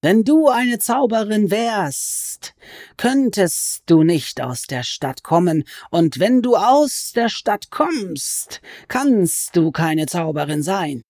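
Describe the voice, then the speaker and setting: A woman voicing a sly, menacing male goblin who is a fanatically loyal servant, speaking in a slow, drawn-out, hissing way. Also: mid-range voice, sing-song, darkish tone, no room sound, studio quality, voice pushed up, heavily acted. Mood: insistent, greedy.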